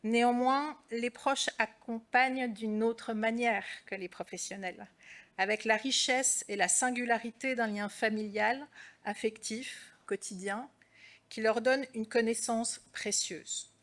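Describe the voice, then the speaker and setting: A woman with a fairly high voice gives a conference presentation. She speaks in a measured, structured way, as a clinical psychologist and trainer explaining her approach. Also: fairly even intonation, a bit bright.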